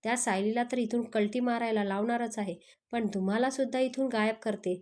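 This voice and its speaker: A woman's voice: on the high side, steady tone, a little fast, natural voice. A woman voicing a scheming spoiled young woman. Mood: scornful. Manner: sharp, scornful.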